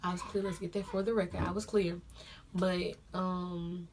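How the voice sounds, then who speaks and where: A woman's voice: fairly low pitch, little pitch movement, moderate pace, darkish tone, a little hiss or hum. Chatty young woman telling a story. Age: young adult. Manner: chatty, addresses viewers as y'all, repeats phrases for emphasis. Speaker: vlogger. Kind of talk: casual storytime.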